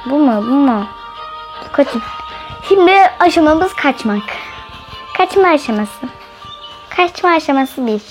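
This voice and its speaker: A woman doing let's play commentary as host of a gaming channel, chatty and excitable, talking straight to her viewers and often shrieking. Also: sits high, measured pace, pauses often, soft background music. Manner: excitable, often shrieks and laughs while playing; chatty, keeps addressing viewers directly.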